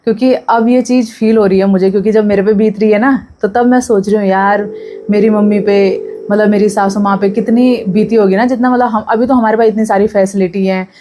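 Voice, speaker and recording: A woman's voice: mid-range voice, fairly even intonation, brisk, warm tone, slight background noise. A young pregnant woman chatting casually to camera in a vlog, talking freely and drifting off topic. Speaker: vlogger.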